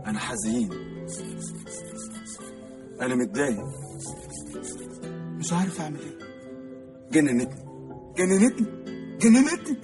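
A man's voice: mid-range voice, lively intonation, normal speed, pauses often, close to an everyday voice. A man playing a fretful, self-repeating worrier. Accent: Egyptian. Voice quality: repetitive, fretful. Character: anxious, indecisive man who repeats himself. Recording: film dialogue with music underneath.

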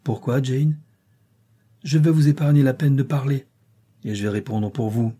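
A tormented middle-aged gentleman speaks with impassioned urgency, as a man reading the story voices him. The voice is dark and mellow, with a husky edge. He pleads and argues as if hurt. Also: medium pitch, normal speed, lightly acted.

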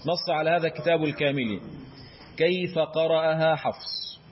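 A man's voice: fairly high pitch, steady tone, highs cut off, slight background noise. A man with an Egyptian Arabic accent teaching Quran recitation rules, quizzing his listeners and answering his own questions. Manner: chants verse examples in a drawn-out recitation tone. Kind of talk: explanatory lesson.

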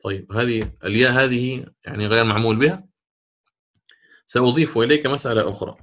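Man, recitation teacher, lecture style, asks and answers own questions, medium pitch. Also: a bit bright. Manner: poses and answers his own questions, quotes verses slowly; stretches recited words drawn out. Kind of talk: explaining a lesson on recitation rules.

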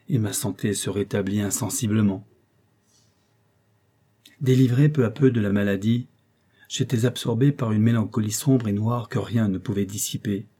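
A man reading a classic novel aloud as scripted narration, measured, with dialogue voiced more intensely. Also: fairly low pitch, warm tone. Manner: measured, rising into emotional outbursts in dialogue. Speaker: audiobook reader.

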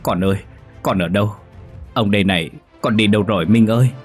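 A man's voice: very high-pitched, lively intonation, quick pace, slightly rough, soft background music, pitched above the performer's own voice, full character voice. Man doing a frantic wailing old grandfather. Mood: tearful calling. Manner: loud, wailing cries.

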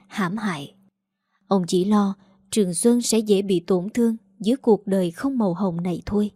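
A woman telling a story as a steady, scripted narration. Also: medium pitch, no room sound, studio quality.

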